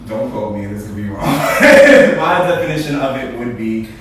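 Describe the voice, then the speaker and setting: A young man hosts a relaxed group conversation, animated and quick to laugh. His voice sits in a middle register. It is picked up from across a very echoey room with faint background noise. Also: mid-range voice, far from the mic. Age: 20s. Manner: laughs often, animated, chatty. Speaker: host. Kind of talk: casual panel chat.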